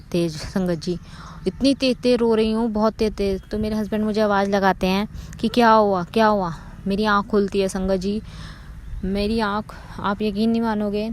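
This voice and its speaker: A woman's voice: mid-range voice, mellow, a little hiss or hum. A woman in her thirties telling a devotional testimony to a congregation, earnestly and often addressing her listeners directly. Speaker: devotee sharing a personal testimony.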